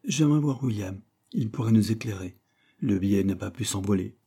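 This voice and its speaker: Worried mill owner, exclaiming and puzzled, read by a male narrator; husky, dark timbre. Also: on the low side, fairly quick. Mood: puzzled, alarmed. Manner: agitated, exclaiming.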